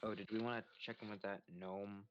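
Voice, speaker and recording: A man playing his character in a tabletop game, gruff and stubborn. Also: lowish voice, flat delivery, a little fast, dull audio. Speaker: player. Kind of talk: in-character tabletop role-play.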